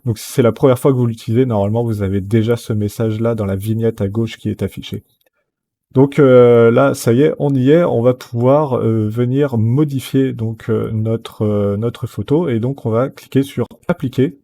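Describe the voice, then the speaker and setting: Guy doing a software tutorial voice-over, mellow warm voice, laid-back with lots of ums. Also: medium pitch, normal speed. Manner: relaxed, many "euh" and "eh bien" fillers. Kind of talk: screen-recorded software tutorial.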